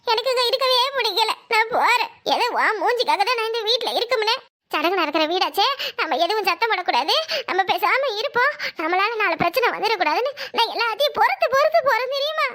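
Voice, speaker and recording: A woman voicing a scheming, sharp-tongued young sister-in-law in a Tamil cartoon, speaking with a Kanyakumari Tamil accent. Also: heavily acted. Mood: indignant. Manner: shrill, quarrelsome, fake-tearful.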